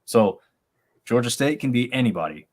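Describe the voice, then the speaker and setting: A man co-hosting a live-streamed college football talk show, talking in an animated, rambling way with many restarts over a remote call setup. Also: mid-range voice, moderate pace. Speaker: sports podcast co-host. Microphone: remote video-call stream.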